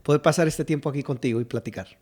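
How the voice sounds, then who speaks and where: A pastor and singer-songwriter in his fifties from South Texas, in the United States, tells stories from his life as a guest, hesitating, restarting, using many fillers, and laughing easily. His voice is a little high and a little mellow with a breathy edge, and he talks fast.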